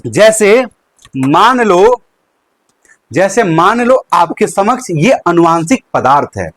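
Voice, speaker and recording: A man's voice: high voice, very animated, slow, a bit bright. A young man teaching a live online lecture, asking questions and answering them himself and repeating key terms. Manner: uses a handkerchief as a prop.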